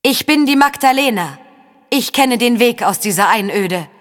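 A woman voicing a young woman who speaks through a lying spirit, slow, insistent and persuasive, in an audiobook. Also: high-pitched, animated, fairly bright tone, in a large hall, pitched above the performer's own voice. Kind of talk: audiobook character voice.

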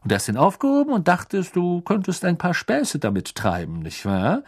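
A man's voice: sits high, huge pitch swings, normal speed, slightly rough, pitched above the performer's own voice, full character voice. Man doing a blustering, suspicious ministry wizard. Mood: accusing. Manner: accusing, blustering, interrogating. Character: stern, suspicious middle-aged male ministry wizard.

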